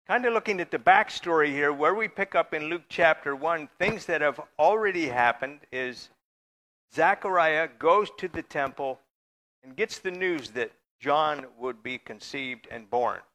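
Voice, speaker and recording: A man's voice: a little high, lively intonation, measured pace, bright, forceful tone. A man preaching a conversational sermon in church, sometimes joking with the congregation. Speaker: pastor.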